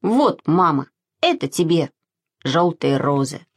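A woman voicing an impulsive little boy in a storybook reading, eager and quick to take offence. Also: sits low, big pitch swings, slightly rough, voice pushed down, full character voice. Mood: indignant.

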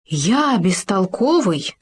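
A woman's voice: medium pitch, moderate pace, a little mellow, lightly acted. A woman voicing a young male gopher in a storybook, who is doubtful and easily offended. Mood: indignant. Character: young male gopher, anxious and quick to anger.

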